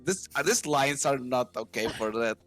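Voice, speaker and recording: A man's voice: medium pitch, lively intonation, normal speed, fairly bright tone, soft background music. A man in casual podcast chat at home, flustered, swearing and laughing things off. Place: room at home.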